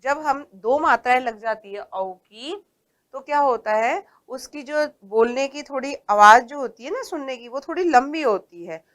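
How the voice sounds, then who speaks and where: A woman's voice: high voice, animated, unhurried, a bit bright. A woman teaching young children to read, speaking patiently, stressing and stretching each word, and asking questions that she then answers herself. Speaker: primary school teacher. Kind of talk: Hindi phonics lesson for young children.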